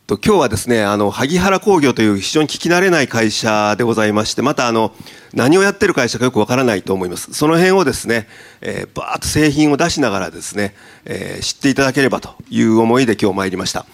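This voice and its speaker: Gravelly-voiced company president presenting. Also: male voice, mid-range voice, expressive, fast talker. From Okayama, Japan. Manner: polite and formal, with many hesitant fillers. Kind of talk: corporate presentation at a seminar. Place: seminar hall in Tokyo.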